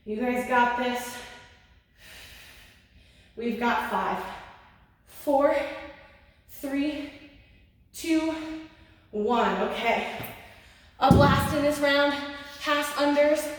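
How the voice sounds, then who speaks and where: A woman's voice: high-pitched, very slow, pauses often, recorded from a distance. A woman fitness instructor leading a workout, cueing moves and counting down, a little out of breath. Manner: encouraging, cueing each move step by step. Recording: echoey room, voice from off-mic.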